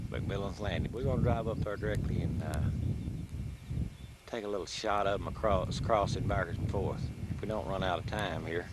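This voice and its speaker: A man's voice: low-pitched, normal speed. A middle-aged man with a rural Southern American accent, chatting casually and narrating a home video in a folksy country drawl. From rural southern United States. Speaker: father filming a home-video tour of family farmland. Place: outdoors on a windy ridge and farm. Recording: windy, very noisy 1980s camcorder audio.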